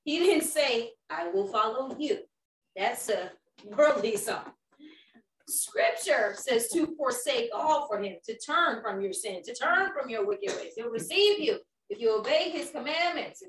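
A woman's voice: fairly high pitch, expressive, unhurried. A woman leading an informal youth group talk, preaching emphatically and putting questions to the group. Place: indoor room with a small group around a table. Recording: roomy, distant mic, faint background noise.

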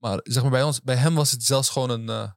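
A young man hosting campus interviews, chatting in a relaxed, rambling way with many fillers. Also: medium pitch, quick pace, gravelly, dry recording, clean studio sound. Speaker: host and interviewer. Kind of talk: casual chat. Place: outdoors on a university campus.

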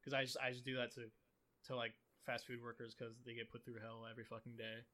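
A man's voice: mid-range voice, little pitch movement, quick pace, bright, forceful tone. A young man co-hosting a casual podcast chat, rambling through stories and laughing often. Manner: rambling, laughs a lot while telling stories. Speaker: podcast co-host.

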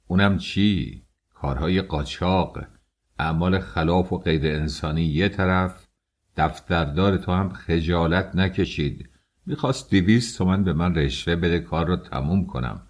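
A man reading an audiobook, voicing a pompous, short-tempered man posing as an inspector, scolding in a low voice. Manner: haughty, scolding.

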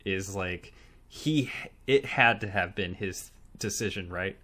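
A man's voice: sits low, slow. A man co-hosting a casual movie review podcast, swearing, laughing and acting out scenes. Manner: animated, laughing, profane, acts out scenes. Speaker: podcast co-host.

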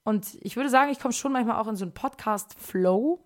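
A woman's voice: a little high, a little fast. A young woman in her twenties hosting a casual solo podcast from her kitchen, rambling in slangy speech and dropping "Digga" all the time. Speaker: podcast host. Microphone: podcast microphone.

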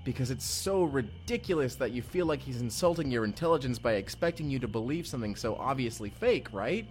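With music in the background, a man voices a young adult character in an immersive first-person audio drama: friendly, awkward, and evasive, chatty and often joking. The delivery is animated and brisk in a mid-range voice, lightly acted, and it comes across as hesitant but sincere.

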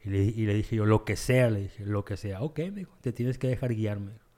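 A man's voice: lowish voice, darkish tone. Man telling his story. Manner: halting, repeats phrases, acts out dialogue in his story. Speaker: guest sharing a recovery testimony. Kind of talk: emotional personal storytelling.

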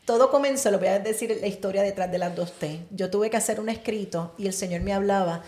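A middle-aged woman, a pastor's wife, telling a personal testimony in an animated way and mixing in English words. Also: mid-range voice, a little fast. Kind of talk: conversational testimony. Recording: roomy echo.

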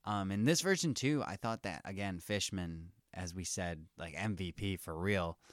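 Chill podcast dude, low smooth voice, lots of likes and ums, dry close sound. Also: male voice, normal speed, no echo. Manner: easygoing, filler-heavy, trailing off. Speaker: podcast co-host. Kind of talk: casual chat.

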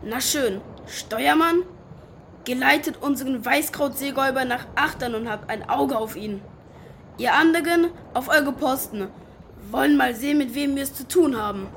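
Woman playing a high-voiced, indignant pirate captain. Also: normal speed, a little hiss or hum. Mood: wary, commanding. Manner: theatrical, commanding. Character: indignant male pirate captain, bossy, sauerkraut-obsessed. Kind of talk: audio drama acting.

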